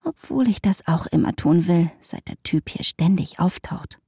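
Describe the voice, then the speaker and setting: A woman's voice: medium pitch, animated, unhurried, dark tone, husky, no echo, studio quality. A woman voicing a wry nineteen-year-old girl who speaks to people and to her dog in a storybook reading. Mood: muttering.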